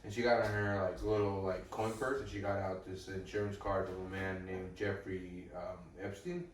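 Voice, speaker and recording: A young man co-hosting a comedy podcast, rambling through deadpan, absurd improvised stories. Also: deep voice, moderate pace, faint music behind. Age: young adult. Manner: deadpan rambling storyteller, escalating absurd bits. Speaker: podcast co-host. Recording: echoey room, distant mic.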